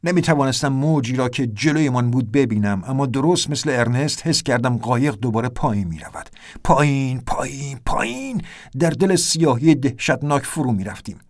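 A man's voice: medium pitch, hardly any pauses. A man narrating an audiobook adventure in a tense, vivid storytelling manner.

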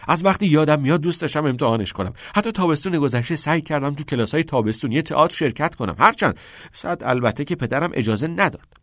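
A man voicing a headstrong teenage schoolboy who bursts out excitedly and insists, in an audiobook reading. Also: on the high side, dry recording, studio quality, pitched above the performer's own voice. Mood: eager. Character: eager, headstrong teenage schoolboy dreaming of acting.

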